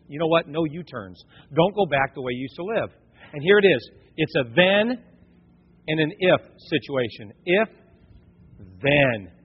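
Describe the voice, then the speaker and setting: A husky, fairly high-pitched man preaches a sermon with animated energy, pushing toward near shouts on his key points. The recording is dull and lo-fi, and long reverb trails off each phrase in the sanctuary. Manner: animated, rising to near shouts when emphatic. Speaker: pastor.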